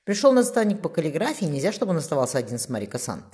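Lady doing soft-spoken shy noblewoman, fast read. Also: low-pitched, big pitch swings. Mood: polite. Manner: quiet, polite. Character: shy quiet noblewoman, meek and gentle.

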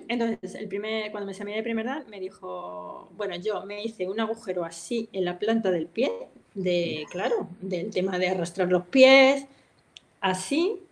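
A middle-aged woman, a guest in a casual interview, telling stories in a lively way and laughing often. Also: mid-range voice, measured pace, a little hiss or hum. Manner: lively storyteller who acts out other people's voices and laughs often. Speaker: interview guest, kendo practitioner. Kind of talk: casual anecdotal chat.

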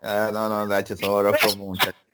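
A man in casual chat who reacts with loud exclamations and laughs easily. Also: lowish voice, monotone, brisk, noisy background.

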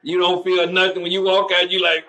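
A man's voice: high-pitched, monotone, fairly quick, bright, forceful tone, slight background noise, rough recording. A man preaching in the street, mocking churchgoers and calling for the next verse to be read. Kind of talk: street preaching with scripture reading.

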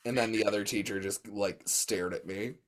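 A man co-hosting a podcast, telling animated stories in casual chat with crude jokes. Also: lowish voice, normal speed. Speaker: podcast co-host; teacher.

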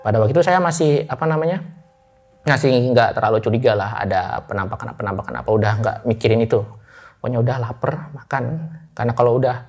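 A man's voice: medium pitch, quick pace, a little mellow. Man telling a spooky story casually. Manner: chatty, keeps addressing the listener as brother; loose speech with restarts. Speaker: guest telling a ghost story.

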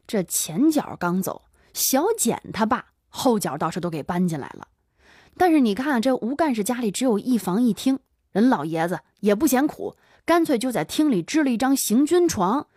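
A woman telling a story in animated chat, dramatic and full of sighing interjections. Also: fairly high pitch, breathy edge, dry recording, studio quality.

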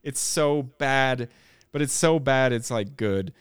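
A man hosting a podcast in a studio, chatting casually, relaxed and rambling with lots of fillers and restarts. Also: mid-range voice, slow pace, smooth, no room sound. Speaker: podcast host. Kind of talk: casual chat.

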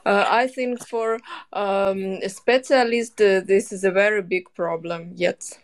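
A woman's voice: mid-range voice, fairly even intonation, takes it slowly. A woman from Ukraine with a Ukrainian accent, speaking careful, hesitant English as an interview guest and searching for words. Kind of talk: unscripted interview answers.

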